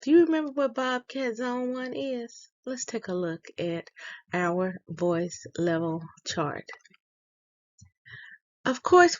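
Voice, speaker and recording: Woman school announcer, measured teacherly delivery for kids, unhurried, slightly muffled recording. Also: mid-range voice. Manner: slow, deliberate, explaining rules to children.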